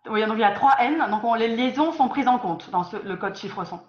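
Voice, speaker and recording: A woman leads an online lesson on a video call, her voice sitting a little high. She quizzes her students patiently, often restarting or repeating a phrase. The sound is roomy and dull, like lo-fi call audio. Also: fairly quick. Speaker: teacher.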